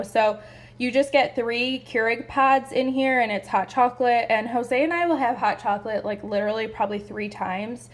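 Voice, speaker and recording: A young woman chatting excitedly through a home decor haul, gushing and a little out of breath. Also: mid-range voice. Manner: gushing, chatty, lots of "like" and "you guys". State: a bit out of breath. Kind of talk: casual haul video.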